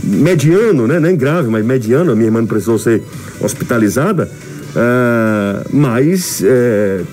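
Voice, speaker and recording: A man's voice: mid-range voice, animated, unhurried, darkish tone. A man hosting casual sports radio talk, his voice muffled because he speaks through a face mask. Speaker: sports radio show host. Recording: studio mic muffled by mask, music bed.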